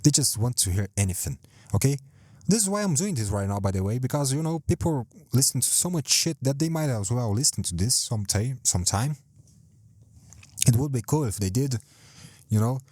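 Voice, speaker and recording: With an expressive, darkish, mid-range voice and no echo, this man talks fairly quickly on his solo home podcast. Self-deprecating and rambling, he curses a lot and says things more than once, staying close to his home microphone, sometimes too close.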